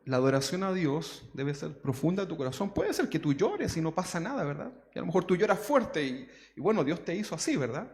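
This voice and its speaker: A man's voice: on the high side, big pitch swings, brisk, few pauses, a little mellow. A man preaching a conversational sermon, always adding tag questions to his congregation. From Chile. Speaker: pastor. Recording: long church hall reverb.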